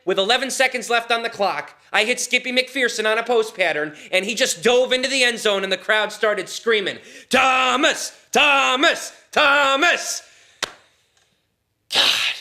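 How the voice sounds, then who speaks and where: An actor in his thirties playing a former high school quarterback, a boastful man stuck in his glory days. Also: expressive, normal speed, sharp tone, heavily acted. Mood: nostalgic. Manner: hearty, pushy cheerleading.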